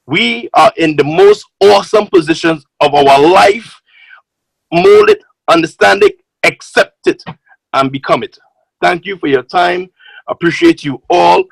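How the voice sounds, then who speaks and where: A man giving an excited, exhorting motivational talk as a guest speaker on a conference call. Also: high voice, creaky, husky, no echo, poor audio.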